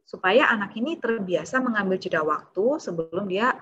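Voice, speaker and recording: A woman's voice: medium pitch, expressive, normal speed, a bit bright, slightly rough, muffled recording. A woman child psychologist giving a parenting seminar talk, explaining step by step and now and then acting out what a child or parent might say.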